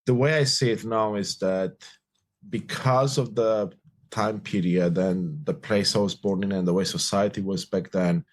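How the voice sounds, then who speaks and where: A Romanian man in his forties, a native Romanian speaker, talks as a guest in a casual interview. His voice sits fairly low with fairly even intonation, and he takes his time. He sounds upbeat and reflective, often repeating phrases.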